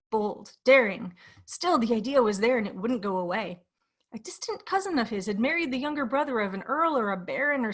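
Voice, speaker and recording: A woman with a fairly high voice reads a short story aloud. Her narration is measured and expressive, shaping each sentence carefully. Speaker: guest reader. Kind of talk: dramatic story reading.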